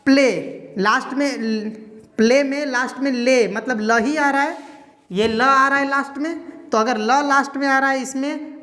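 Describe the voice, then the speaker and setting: A woman's voice: high voice, a bit bright, echoey room, long reverb tail. A woman teaching an English pronunciation lesson, explaining each rule step by step and answering her own questions.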